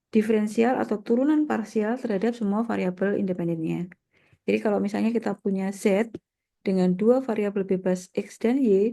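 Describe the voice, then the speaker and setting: An Indonesian university mathematics lecturer speaks in a medium-pitched, dark-toned voice made nasal by a slight cold. She explains things step by step in a didactic manner, frequently checking in with short tag phrases.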